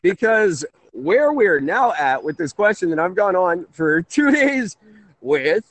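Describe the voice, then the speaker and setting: Late-thirties male host, rambling and animated, close dry mic. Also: sits high, slow, dry recording. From Canada. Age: 30s. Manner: rambling, self-correcting. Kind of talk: casual call-in talk show.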